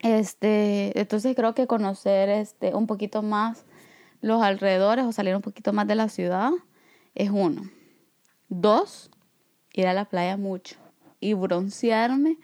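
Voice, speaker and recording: A woman with a Salvadoran Spanish accent co-hosting a podcast in easy, talkative conversation. She is relaxed, fills her sentences with small fillers and laughs, and her pitch sits in the middle of the usual range. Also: slow pace. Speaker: podcast co-host. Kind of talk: casual chat.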